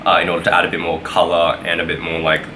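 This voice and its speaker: A young Australian man gives a casual weekly vlog update, rambling with lots of fillers and self-corrections. His voice is deep and completely flat, his pace quick, with background noise in the recording.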